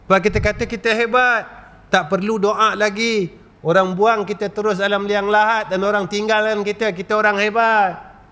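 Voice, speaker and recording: A man preaching a religious lecture in a Malaysian Malay accent, asking rhetorical questions and leading slow chanted recitations. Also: high-pitched, little pitch movement, bright, forceful tone, smooth. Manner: rhetorical questions, repeated 'tuan-tuan'.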